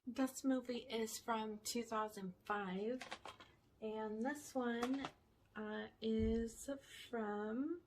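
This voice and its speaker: Her voice sits on the high side and she draws out her words, with slight noise in the background. She's a vlogger at home showing off a shopping haul in casual chat, staying in one seat, rambling with fillers, a bit breathless, and reading DVD back-cover blurbs out loud.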